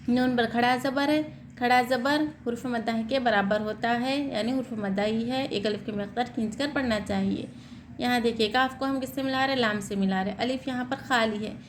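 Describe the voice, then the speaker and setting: A woman teaching Quran reading, asking questions and answering them herself, then spelling out and reciting words slowly. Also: a little high, slight background noise. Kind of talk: step-by-step recitation lesson.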